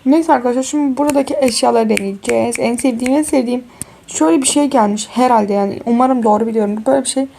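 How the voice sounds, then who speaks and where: A woman's voice: a little high, fast, vocal fry, mellow, a little hiss or hum. A tired young woman chatting casually through a life-sim game, exclaiming and talking to her viewers as friends. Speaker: gaming YouTuber. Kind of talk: casual game walkthrough commentary.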